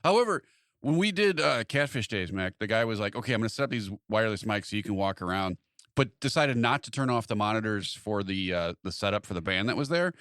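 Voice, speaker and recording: A man co-hosting a podcast, telling anecdotes in an animated way and mimicking the people in them. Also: fairly low pitch, fast talker, clear, resonant tone, no room sound, clean studio sound. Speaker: podcast co-host. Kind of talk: casual anecdote.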